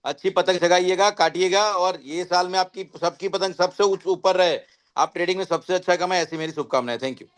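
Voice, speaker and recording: A man organizing a webinar, briskly giving polite instructions and greetings to the attendees. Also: high voice, steady tone, a bit bright, clear, resonant tone. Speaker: academy head addressing the webinar. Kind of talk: webinar announcements. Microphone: online webinar call.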